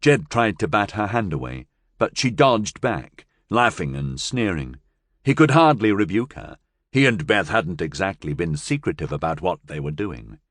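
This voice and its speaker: Guy reading a sci-fi audiobook, lively intonation, dry close sound. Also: sits low, moderate pace, no echo. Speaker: audiobook narrator. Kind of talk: scripted narration.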